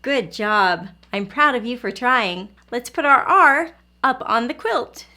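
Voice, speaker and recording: Pushed and bright, with lively intonation and a high-leaning pitch, this woman's voice guides small children through a lesson and a storybook reading. She keeps things simple and encouraging, asking questions and pausing for the young audience.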